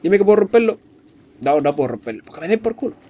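A man giving jokey let's-play commentary, excitable and swearing often. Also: sits high, fast talker, lo-fi sound. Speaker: gamer.

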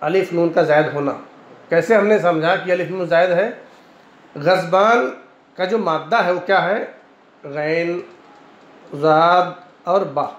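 A man teaching Arabic grammar in Hindi-Urdu with an Indian Urdu accent, a classroom lecture where he repeats each point and keeps checking in with "है ना", now and then clearing his throat. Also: on the high side, slow pace, pauses often. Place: madrasa classroom. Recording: echoey room, dull lo-fi sound, faint hiss.

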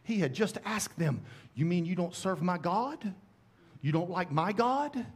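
A middle-aged man pastor preaching a sermon on a large church stage through a headset mic, with emphatic rising calls and slow, drawn-out scripture readings. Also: high voice, animated, slightly rough. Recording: church sermon with music behind.

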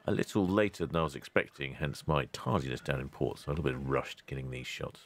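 A man, hosting a ship-spotting channel in a relaxed, chatty voice-over with dry asides. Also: rumbling low, quick pace. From England. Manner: chatty, dry asides, loud cheery greetings.

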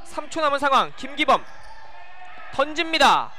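A man giving live basketball play-by-play, excitable and shouting when shots go in. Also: very high-pitched, normal speed. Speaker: play-by-play sports commentator. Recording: loud gym noise behind the voice. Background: basketball court ambience, bouncing ball.

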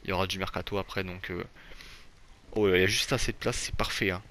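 A man's voice: low-pitched, steady tone, quick pace, pushed and bright, slight background noise. Rambling young Frenchman gaming commentary. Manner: rambling, many fillers and restarts; self-deprecating about his English accent. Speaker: gaming YouTuber. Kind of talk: casual gameplay commentary.

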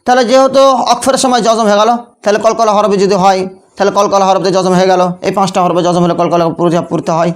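A man's voice: high voice, steady tone, fast. A man teaching Quran recitation rules in a classroom lesson. He keeps asking questions, answers them himself, and often checks in with short tag questions.

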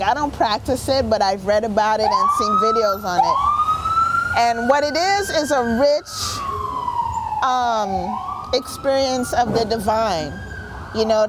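Standing on a city sidewalk for a documentary interview, a Haitian Creole-speaking performance artist in her forties reflects earnestly, her hands in motion as she talks. She speaks in a voice on the high side. Background noise and a music bed run under her.

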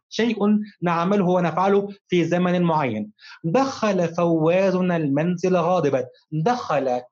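A man teaching a recorded primary-school lesson, addressing his pupils fondly and slowing down to read examples word by word. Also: high-pitched. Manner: slow, careful dictation-style reading of examples. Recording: dull, lo-fi recording.

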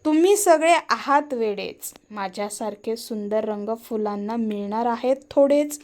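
A proud, jealous sky spirit from a children's storybook, voiced by a woman. He speaks slowly and with clear deliberation, in a slightly high voice, and sounds boastful and wheedling. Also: darkish tone, close to an everyday voice. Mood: scornful. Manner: boastful and coaxing. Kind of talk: storybook character voice.

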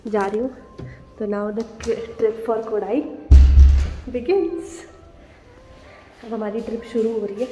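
A woman's voice: mid-range voice, low-quality recording. A young woman chatting through a road-trip travel vlog from cars and restaurants, mixing English phrases into her talk while nursing a sore throat. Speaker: travel vlogger.

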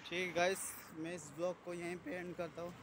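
Man in his thirties, walking street vlog, fairly high voice, rambling chatter, phone at arm's length, loud traffic behind. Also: little pitch movement, a little fast. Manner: chatty, rambling, clears throat often. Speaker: vlogger. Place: outdoors on a sunny city street. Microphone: phone camera held at arm's length. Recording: noisy street traffic outdoors. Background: passing traffic.

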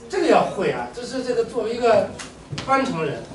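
A man teaching a classroom language lesson, joking and animated with his students. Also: sits high, fairly quick, a crowd in the background. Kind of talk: classroom lecture. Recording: echoey room, mic far off, faint room noise.

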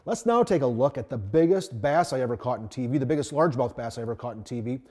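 A man's voice: mid-range voice, lively intonation, quick pace, darkish tone. A middle-aged man from the American Midwest hosting a fishing show, talking in an easygoing, folksy way to the camera from a restaurant dining room on a lapel mic. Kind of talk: relaxed presenting to camera.

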